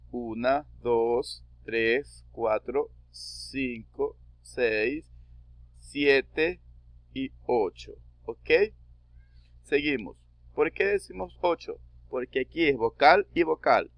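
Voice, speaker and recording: A man's voice: mid-range voice, no echo. Patient male teacher, dry close sound. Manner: patient, explanatory, counts syllables out slowly. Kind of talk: recorded online class narration.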